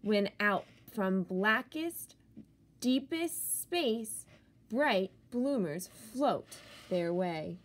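Her words drawn out, a woman teacher at medium pitch performs a picture book for children, punching key words with theatrical flair.

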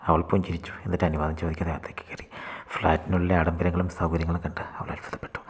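A man narrating a short story in a husky, breathy voice that often drops to a whisper. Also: sits low, little pitch movement, racing.

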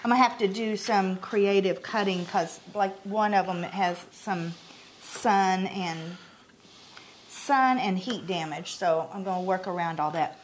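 A woman's voice: mid-range voice, a little slow, noisy background. A middle-aged woman from Oklahoma, co-hosting a casual home cooking video and explaining each step as she works. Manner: chatty and explanatory. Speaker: cooking channel co-host.

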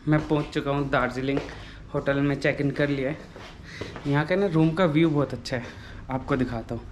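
A man's voice: medium pitch, fairly even intonation, fairly quick. A young man on a travel vlog, filming himself at arm's length outdoors and chatting about his plans. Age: young adult. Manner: chatty, explains plans to viewers. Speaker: travel vlogger. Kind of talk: casual travel vlog narration. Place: outdoors on a hillside road. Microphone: camera held at arm's length. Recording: outdoor noise in the background.

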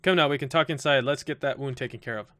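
A man's voice: mid-range voice, fast talker, fairly bright tone, no room sound, natural voice. A man reading the lines of a kindly, caring neighbor woman in a game, polite and insistent. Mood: concerned.

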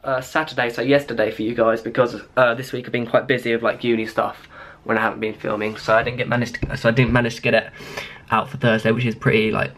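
A man's voice: a little high, a bit bright. A young British man chatting casually to a vlog camera, his speech slightly impeded by dental retainers. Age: young adult. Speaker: vlogger. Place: small bedroom. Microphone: handheld camera at arm's length.

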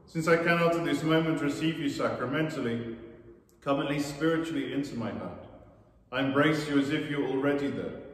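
A man leading liturgical prayers as a priest in a large church, reciting in a measured, solemn way, his voice carried by a cathedral echo. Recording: booming echo and long church reverb.

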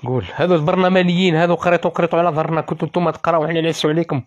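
Fast, impassioned Algerian man. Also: on the high side, steady tone, highs cut off. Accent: Algerian Arabic. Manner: emotional, pleading and indignant, repeats phrases. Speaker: former soldier speaking on a livestream. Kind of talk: impassioned live-stream appeal.

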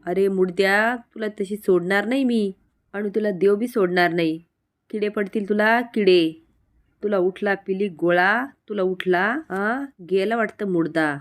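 A woman voicing an old village grandmother who shouts suspicious questions and curses in a loud, shrill, scolding way. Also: steady tone, a little slow, lightly acted. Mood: cursing.

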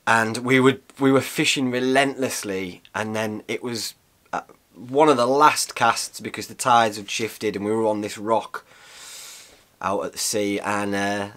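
This outdoor cooking vlogger, a man in his thirties, chats casually to the camera from a small, cosy room, rambling along with frequent restarts and fillers. His voice sits on the low side, a bit bright, with a steady tone and a measured pace.

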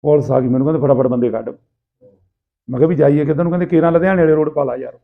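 A man with a Malwai Punjabi accent casually telling anecdotes in rough, earthy, animated banter, acting out people's dialogue. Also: on the high side, rapid-fire. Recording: tinny, phone-like narrow sound.

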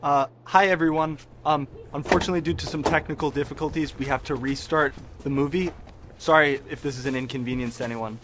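A man's voice: fairly high pitch, steady tone, fast talker, heavy background noise, natural voice. A man playing a nervous movie theater worker who talks hesitantly, in a comedic short film.

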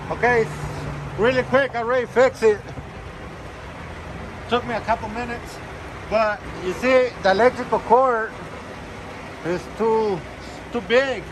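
A man's voice: very high-pitched, fairly even intonation, measured pace, long pauses. A man in his thirties, a truck driver, talking casually to his phone camera in a loose, rambling way. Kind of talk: casual vlog talk to camera. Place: truck cab at night, and outdoors by the truck. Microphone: phone camera held at arm's length. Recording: loud road and engine noise.

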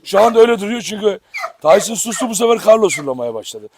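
A man's voice: high-pitched, sing-song, fast talker, darkish tone. A man hosting a casual dog-farm vlog outdoors, chatting to viewers and coaxing his dogs affectionately. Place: outdoor yard. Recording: noisy outdoor recording.

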